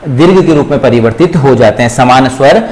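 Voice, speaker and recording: A man teaching Sanskrit grammar in a classroom-style lecture, with a Rajasthani Hindi accent, drawing out each example slowly and repeating it. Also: mid-range voice, lively intonation, a little mellow, rough recording.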